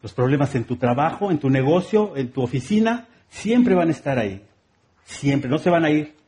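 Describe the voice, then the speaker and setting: A man's voice: mid-range voice, a little mellow. A man with a Mexican accent preaching a sermon in a conversational, humorous way, repeating phrases rhythmically.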